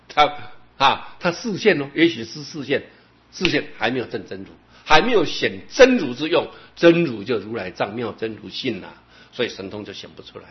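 A man giving a Buddhist sermon, emphatic and constantly checking with his listeners. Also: mid-range voice. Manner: emphatic, keeps asking "right?". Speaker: Buddhist teacher. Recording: dull lo-fi recording.

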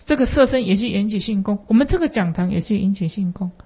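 A woman's voice: mid-range voice, lively intonation, fast talker, breathy edge. A woman giving a Buddhist dharma lecture with anecdotes, rambling with many fillers and rhetorical questions, on a dull lo-fi recording.

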